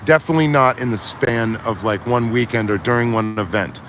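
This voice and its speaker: A man chatting casually outdoors on a city street at dusk, talking in animated, rambling bursts full of restarts. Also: mid-range voice, brisk, slight background noise. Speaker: livestreamer. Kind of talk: casual chat. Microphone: phone camera.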